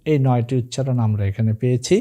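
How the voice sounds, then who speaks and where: A man with a mellow, middle-pitched voice teaches a recorded Arabic grammar lesson, his first language Bengali. He chants lists of word forms in a slow, drawn-out recitation. Between the lists he explains plainly to his students.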